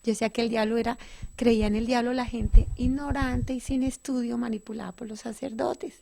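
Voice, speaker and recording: Middle-aged lady telling her story in an interview, emotional, keeps correcting herself, warm soft tone. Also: a little high, fairly even intonation, a little fast, gravelly. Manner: emotional, restarts and self-corrections. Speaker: interview guest giving testimony. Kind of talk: earnest personal testimony.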